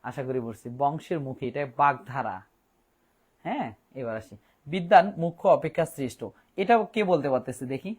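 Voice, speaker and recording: Man, online grammar teacher, slightly high voice, spells words out slowly, hesitant restarts. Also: darkish tone. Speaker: Bangla teacher.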